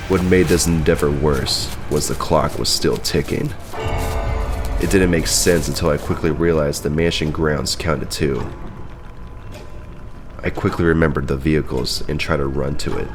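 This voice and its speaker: Extremely deep-voiced male horror narrator. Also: fairly even intonation, normal speed. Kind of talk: dramatic first-person scripted narration. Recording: loud music bed behind voice. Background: music.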